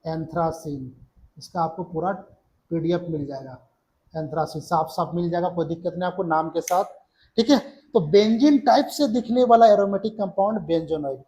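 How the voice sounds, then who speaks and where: A man's voice: fairly high pitch, moderate pace, mellow, slight background noise, low-quality recording. A middle-aged man teaching organic chemistry in a classroom lecture, repeating key terms back as questions and counting along as he draws. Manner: counts along while drawing on board.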